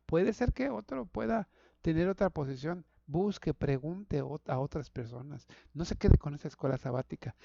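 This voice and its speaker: Gravelly-voiced man teaching a Bible lesson. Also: fairly high pitch, mellow, no echo, muffled recording. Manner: conversational, repeats words, addresses listeners as brothers. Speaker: pastor. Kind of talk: Sabbath school Bible lesson, livestreamed.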